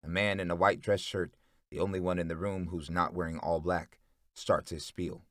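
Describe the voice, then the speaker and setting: Deep-voiced male audiobook narrator. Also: little pitch movement, moderate pace, fairly bright tone, dry recording, studio quality.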